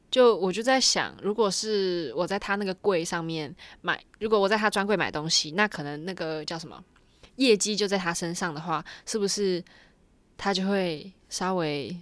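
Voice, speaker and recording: A woman's voice: lowish voice, dry recording. A woman talking casually to her viewers in a rambling, chatty way, with small laughs along the way. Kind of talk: casual storytelling vlog.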